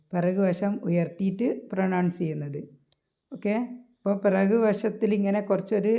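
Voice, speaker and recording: A woman with a fairly low, fry-tinged voice, heard through dull audio, gives an explanatory lesson on pronouncing Arabic letters for Quran recitation. She patiently repeats points and checks in with her listeners.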